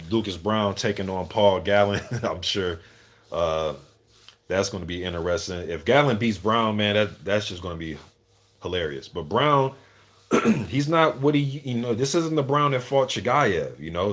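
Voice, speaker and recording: The man's voice is fairly low in pitch and fairly bright in tone. He runs a live boxing commentary stream, talking with viewers in a relaxed, slangy way and swearing now and then.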